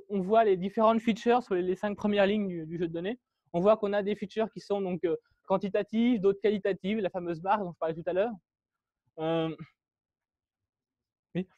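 A man's voice: high voice, darkish tone, dry recording, dull audio. A man giving a technical talk at a meetup, walking through code with many fillers and restarts. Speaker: meetup speaker. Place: meetup room.

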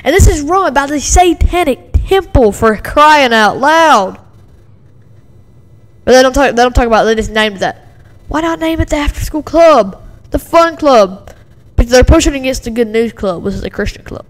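A woman's voice: high-pitched, expressive, normal speed. Agitated rambling woman, reacting. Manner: agitated, rambling, many fillers and repeats. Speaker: video commentator. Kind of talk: casual reaction commentary. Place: home with a dog and a TV in the background.

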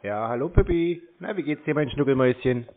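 A scambaiting host with a mid-range voice and lively intonation takes scam calls, speaking briskly. He's brusque, sarcastic and mocking, teasing and needling the caller in confrontational banter over a tinny, band-limited phone line.

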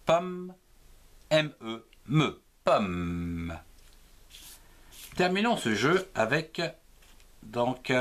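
A man gives a reading lesson at a very slow, deliberate pace. He spells out each letter before blending it into a syllable. His pitch swings widely in a sing-song pattern that climbs on the letters and drops on the finished word. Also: fairly bright tone. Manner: slow, sing-song teacher voice, rising on letters and falling on words. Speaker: reading teacher.

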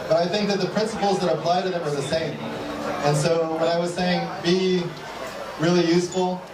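A man in his thirties giving a relaxed, self-deprecating talk with a handheld mic at an evening event, often restarting his sentences. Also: high-pitched, normal speed, background noise. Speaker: guest speaker. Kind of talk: conversational talk and Q&A. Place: dark event hall, indoors. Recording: roomy hall audio from a distant camera, crowd behind. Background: audience.

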